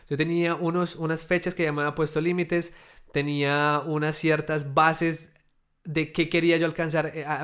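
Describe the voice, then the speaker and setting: A man who runs his own businesses talks straight to his viewers in a casual video. He keeps asking them questions and strings his thoughts together with loose, chatty fillers. His voice sits a touch high for a man. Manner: addresses viewers directly with rhetorical questions; conversational, loose, with many fillers. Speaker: entrepreneur sharing his experience. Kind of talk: casual talk to camera.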